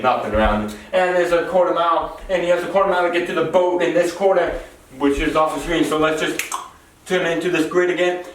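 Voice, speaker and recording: A man's voice: fairly high pitch, fairly bright tone. A man giving an improvised explainer in a warehouse, rambling, repeating phrases and correcting himself as he goes. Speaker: presenter. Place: large echoing warehouse. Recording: echoey warehouse, distant mic, faint noise.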